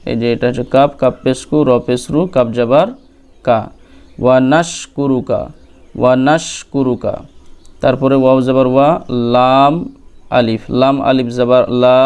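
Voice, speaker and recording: A man teaching recitation, spelling out syllables one by one and repeating each word slowly. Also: medium pitch, darkish tone, clean tone. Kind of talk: letter-by-letter recitation lesson.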